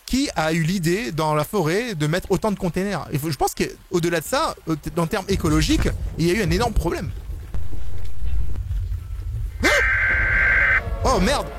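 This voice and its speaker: A young man commenting on a horror game he is playing, excitable and slangy, yelping and screaming when scared. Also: high-pitched, fairly quick, few pauses, background noise. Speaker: gaming YouTuber. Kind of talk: let's play commentary. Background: game music.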